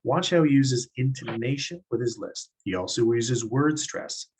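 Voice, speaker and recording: A man's voice: medium pitch, moderate pace, a little mellow, a little hiss or hum, rough recording. A man teaching public speaking, explaining step by step in an encouraging way. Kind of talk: classroom instruction.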